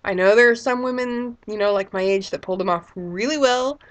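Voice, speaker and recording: A woman's voice: mid-range voice, a little fast. A woman in her thirties with a sick voice, chatting casually and rambling as a vlogger. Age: 30s. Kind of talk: casual chat.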